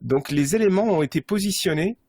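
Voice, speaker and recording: A man explaining running gear on a podcast, with frequent pauses and restarts. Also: high-pitched, animated, mellow, dry recording. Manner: explanatory, many hesitations and restarts. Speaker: running gear expert guest. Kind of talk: casual podcast conversation.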